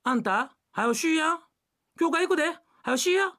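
A woman's voice: high voice, lively intonation, moderate pace, fairly bright tone, pitched above the performer's own voice. A woman doing a nagging Kansai housewife. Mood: scolding. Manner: scolding, nagging. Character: bossy, devout Osaka housewife. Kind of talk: rakugo storytelling.

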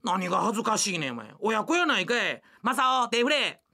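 A woman voicing a bumbling, loud middle-aged husband with a Kansai accent in a rakugo telling. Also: mid-range voice, very animated, heavily acted. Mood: excited. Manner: blunt, boisterous, quick to shout. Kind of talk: rakugo storytelling.

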